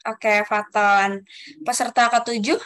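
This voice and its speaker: Slowly and with little pitch movement, a young woman in a fairly high voice reads out the rules for an online group discussion she is facilitating. On the video call she stays polite, listing them one by one with soft fillers.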